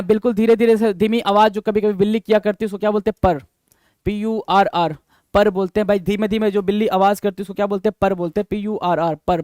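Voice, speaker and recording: Male teacher, high clear voice, dry close sound, drills words by repetition. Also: a little mellow, no echo. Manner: repetitive, addresses viewers as "bhai", quizzing questions; reads English definitions slowly, then explains. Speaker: exam vocabulary teacher. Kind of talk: lecture-style teaching.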